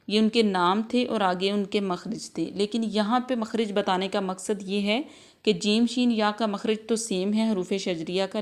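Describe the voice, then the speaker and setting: Female tajweed teacher, Urdu accent, patient drill-style delivery, repeats sounds for students to follow. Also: mid-range voice. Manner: mixes Urdu with English words like next, practice, examples. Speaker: Quran recitation teacher. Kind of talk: tajweed lesson with repetition drills.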